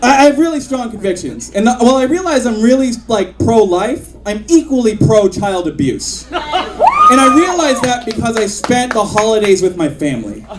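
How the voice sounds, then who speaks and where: A man in his twenties doing a crude stand-up set in a comedy club, rambling through his jokes with lots of fillers. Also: sits high. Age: 20s. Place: comedy club stage with live audience. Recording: audience laughter behind. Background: crowd laughing.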